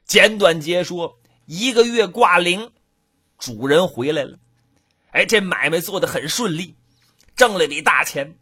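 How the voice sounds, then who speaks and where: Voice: medium pitch, lively intonation, measured pace, long pauses, pushed and bright, husky. A performer telling a traditional comic folk tale, switching between narration and character voices.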